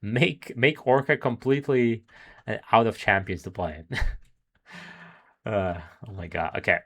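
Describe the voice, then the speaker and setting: A man's voice: on the low side, fairly even intonation, moderate pace, fairly bright tone. A man doing live solo esports commentary, analytical and musing, chuckling between thoughts, his voice wearing thin. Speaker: esports caster.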